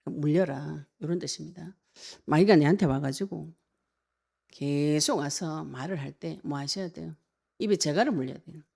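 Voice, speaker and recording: Woman pastor w/ preaching, low gravelly voice, keeps firing questions at the congregation. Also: normal speed, warm tone. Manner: emphatic preaching with rhetorical questions. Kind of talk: sermon.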